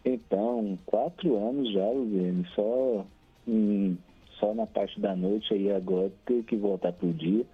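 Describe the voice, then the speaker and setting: Man, Brazilian accent, crackly phone line cutting out, husky, low voice, cheerful radio caller. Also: takes it slowly. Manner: cheerful and chatty, laughs often, reels off long lists of names. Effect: crackly phone line that keeps cutting out. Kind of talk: casual chat and shout-outs on air. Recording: tinny phone line with faint music.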